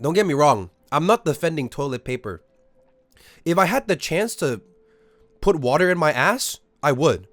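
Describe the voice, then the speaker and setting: A man's voice: fairly high pitch, expressive, moderate pace, a bit bright, no echo, faint music behind. A young man, ranting in a casual, profane way at his live-stream chat. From Australia. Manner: incredulous, profane, exaggerated ranting.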